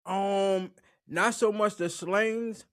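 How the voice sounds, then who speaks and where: A man's voice: high-pitched, steady tone, very slow, a bit bright, clean tone, no room sound, studio quality. A young man with a New Orleans accent, chatting casually as an interview guest, laughing often and playfully imitating how people talk. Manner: laid-back, laughs often, playful mimicry. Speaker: interview guest, independent musician.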